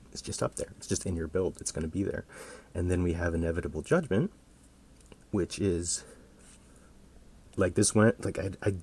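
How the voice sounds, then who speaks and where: A man's voice: low voice, vocal fry, a little mellow, husky. A man giving casual, rambling gameplay commentary with plenty of swearing and filler words. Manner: rambling and profane, many fillers. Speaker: gaming video host.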